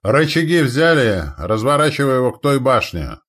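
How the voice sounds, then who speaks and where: A man reading a story voicing a young male crossbowman who shouts orders in battle. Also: medium pitch, sing-song, moderate pace, pitched above the performer's own voice. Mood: shouting orders. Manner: shouted commands.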